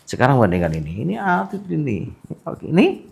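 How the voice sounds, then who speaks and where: A male sports massage therapist talks a patient through treatment in an indoor clinic. His voice swings up and down in a lively way as he teases, coaxes and laughs. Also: on the high side, fairly quick, gravelly. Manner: teasing, coaxing, laughs often. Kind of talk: casual treatment-session chat.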